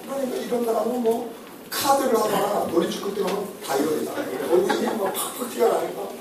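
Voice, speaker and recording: High-voiced male lecturer in echoey hall. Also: brisk. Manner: animated, joking, asks the audience for agreement. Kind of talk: personality-type lecture to an audience. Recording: echoey hall, voice from far off, noisy.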